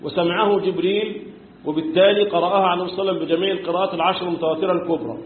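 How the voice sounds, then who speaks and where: Tajweed teacher, male, Egyptian accent, high voice; quizzes students, chants verses. Tinny echoey room recording. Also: steady tone, very fast, slight background noise. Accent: Egyptian Arabic. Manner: quizzes students, answers his own questions; clears his throat often. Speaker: Quran recitation teacher. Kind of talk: tajweed lesson.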